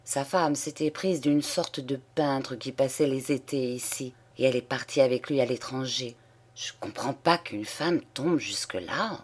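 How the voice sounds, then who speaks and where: A woman's voice: a bass voice, a little slow, slight background noise, pitched below the performer's own voice. A woman voicing a prim middle-aged wife who passes judgment in a grave, stern tone.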